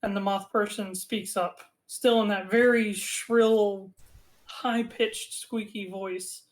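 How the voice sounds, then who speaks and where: A woman runs a tabletop game, narrating scenes at a slow, unhurried pace. Her voice sits in a middle pitch and she pauses often with small fillers. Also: fairly even intonation, rough recording. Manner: measured, descriptive with fillers. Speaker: game master.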